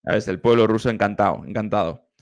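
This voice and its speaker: A man's voice: on the low side, fast, loud music behind the voice. A man, a choir director giving enthusiastic, explanatory commentary while reacting to a singer. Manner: explanatory, enthusiastic, hums vocal demonstrations.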